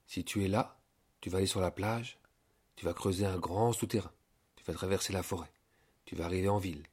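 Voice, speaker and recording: A man voicing a loving mother dog in a spoken storybook, soft and tender. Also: sits low, a little fast, husky.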